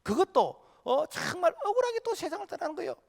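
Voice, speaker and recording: High-voiced male pastor preaching, lots of "uh"s, loud then hushed, big echoey church hall. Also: big pitch swings, fast, creaky. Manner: impassioned preaching with many filler "uh"s, swinging from loud to hushed. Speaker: senior pastor. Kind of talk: sermon. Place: church sanctuary. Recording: long hall reverb of a church sanctuary.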